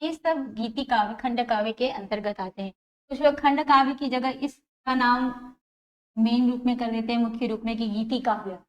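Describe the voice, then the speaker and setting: Female lecturer, a little high-pitched, explains methodically and repeats terms, dull lo-fi recording. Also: steady tone, normal speed. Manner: explanatory, repeats key terms, asks and answers own questions. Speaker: teacher. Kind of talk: exam prep lecture. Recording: dull lo-fi sound.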